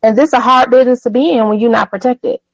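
Female caller on a phone line, high voice, dry and muffled, blunt opinions. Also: steady tone, quick pace, no room sound. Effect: over a phone-quality call. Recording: dry, dull call audio.

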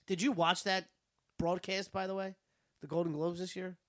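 A man's voice: high voice, level tone, a bit bright, dry recording, clean studio sound. A man hosting a trivia podcast, asking questions and explaining in casual, chatty talk. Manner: chatty, explaining, quick to laugh. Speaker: podcast host, quizmaster.

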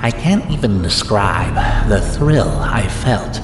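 An actor playing a gleefully sadistic clown villain in an audio drama, taunting in a drawn-out theatrical way. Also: male voice, on the low side, animated. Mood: gloating, vengeful. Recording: echoey hall reverb over music.

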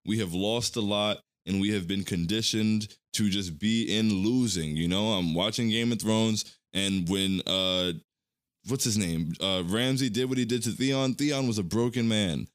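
Male podcast co-host, low voice, dry close sound, worked-up rant. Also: a little slow, clean tone, no echo. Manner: heated, ranting, retells arguments. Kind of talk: casual sports chat.

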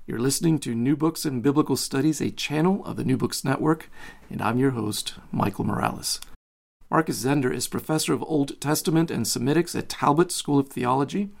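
Gravelly-voiced male podcast host. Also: medium pitch, brisk. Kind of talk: scripted intro then interview questions.

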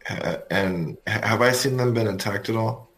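A man playing a tabletop role-playing game, describing his character's actions haltingly with many pauses and fillers. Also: on the low side, a bit bright. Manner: hesitant, full of ums, describes actions slowly. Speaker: player.

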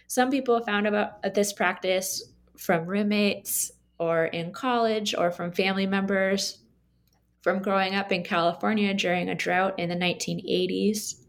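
A woman author answering interview questions about her research, explaining in a measured way with occasional ums. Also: mid-range voice.

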